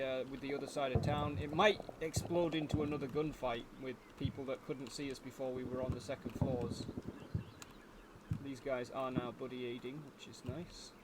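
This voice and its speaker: Male gameplay commentator, mid-pitched, casual and thinking aloud, with loud game noise and clicks behind him.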